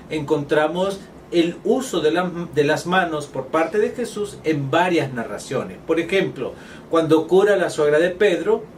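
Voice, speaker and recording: A man teaching a Bible study module, explaining patiently in a measured lecture manner with frequent filler sounds. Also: on the high side. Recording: slightly distant mic with faint room noise.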